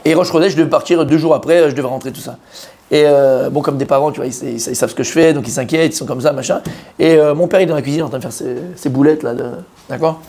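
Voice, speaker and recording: Fast-talking rabbi telling a story. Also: male voice, a little high. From Israel. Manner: animated storyteller who acts out quoted voices. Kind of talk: storytelling sermon.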